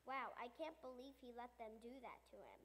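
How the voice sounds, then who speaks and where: A woman voicing a fast-talking male used-camel salesman who turns earnest. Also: animated, fairly bright tone. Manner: salesy, rapid-fire sales pitch. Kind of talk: children's church radio skit.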